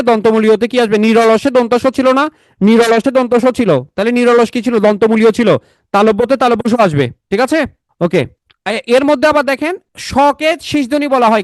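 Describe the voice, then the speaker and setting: A man's voice: very high voice, no room sound. A man teaching a grammar class in a casual, chatty tone, repeating key points and quizzing his students. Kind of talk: online exam-prep lecture.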